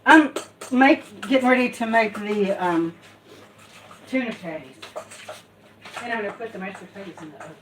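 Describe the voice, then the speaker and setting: In her home kitchen, a woman with a mid-range voice talks herself through cooking, speaking briskly but with long pauses over background noise. Her casual commentary is rambling, repetitive, and folksy.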